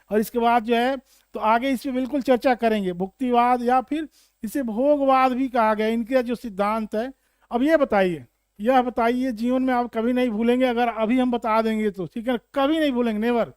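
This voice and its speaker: A man teaching Hindi literature for exam prep, explaining slowly and repeating points with questions to students. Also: very high-pitched, clear, resonant tone, no echo, studio quality.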